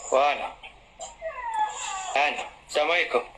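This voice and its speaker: A man's voice: fairly high pitch, fairly quick, bright, forceful tone, slight background noise, poor audio. A man in his twenties with a Moroccan Arabic accent, calling in on a video call and hesitantly fumbling with the app. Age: 20s. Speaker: caller.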